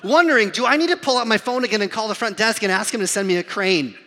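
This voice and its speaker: A man in his thirties delivers a sermon as a lively, self-deprecating story, acting out the voices of the people in it. His voice sits high and sounds very bright and forceful. It rings out through a large hall with a long reverb. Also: quick pace, a little hiss or hum. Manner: animated, self-mocking storyteller who acts out voices. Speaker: pastor.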